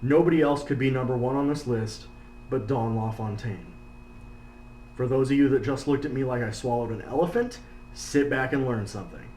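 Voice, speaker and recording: A man's voice: mid-range voice, moderate pace, warm tone. A man reading scripted narration for a countdown video. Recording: roomy, echoey, faint background noise.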